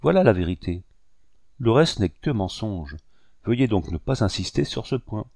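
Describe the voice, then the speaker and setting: A cold, ironic young officer , played by a man reading aloud, answers with open contempt. The tone is dark and low. It sounds dry and close to the mic. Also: sing-song, moderate pace, vocal fry, no echo, full character voice. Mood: disdainful. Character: young disdainful male army captain. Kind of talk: audiobook character reading.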